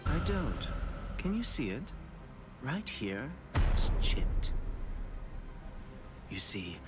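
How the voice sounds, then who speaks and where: An actor playing a sly, scheming male swordsman who taunts his captain in a soft, mocking voice, in a video game cutscene. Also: mid-range voice, big pitch swings, very slow. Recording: game audio with loud music. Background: loud music.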